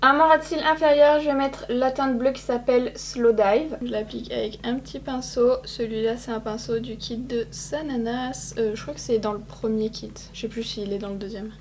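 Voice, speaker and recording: A young woman chats her way through a makeup tutorial, speaking straight to her viewers and teasing herself. Her voice sits a little high. A faint hum runs under the recording. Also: steady tone, moderate pace, few pauses. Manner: chatty, self-mocking, addresses viewers directly. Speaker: beauty vlogger. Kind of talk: casual makeup tutorial talk.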